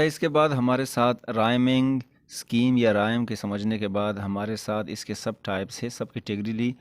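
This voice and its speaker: A man with a lowish, slightly mellow voice and no room sound lectures as an English teacher in Urdu-Hindi mixed with English. He explains step by step, often rephrasing points and correcting himself mid-word.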